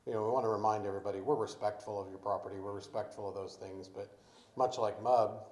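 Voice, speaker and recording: Man speaking loudly in an echoey meeting room. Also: fairly low pitch, steady tone, quick pace. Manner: speaks loudly over background noise, explanatory. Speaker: city official at committee meeting. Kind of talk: public meeting discussion.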